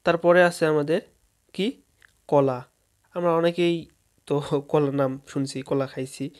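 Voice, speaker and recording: In a casual spoken lesson, a Bengali-speaking man teaches English fruit names, spelling each word out letter by letter for his viewers. His voice is a little high and darkish, with a steady tone at normal speed.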